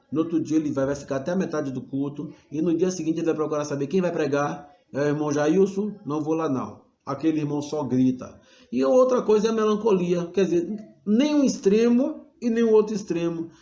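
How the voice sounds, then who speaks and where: A man's voice: a little high, animated, fast talker, warm tone, echoey room, muffled recording. A man teaching a class on preaching in a preacherly way, calling his listeners brothers and shifting his tone and pace. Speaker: homiletics teacher. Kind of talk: recorded class lecture.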